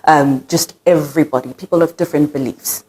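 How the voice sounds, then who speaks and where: A man interviewing, speaking softly with brief agreeing remarks. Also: fairly high pitch, steady tone, brisk, breathy edge.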